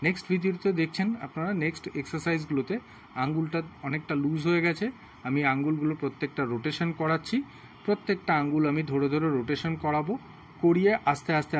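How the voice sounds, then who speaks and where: Male physiotherapist, a little higher than most men, slow and repetitive instruction, faint room noise behind. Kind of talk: home exercise demonstration.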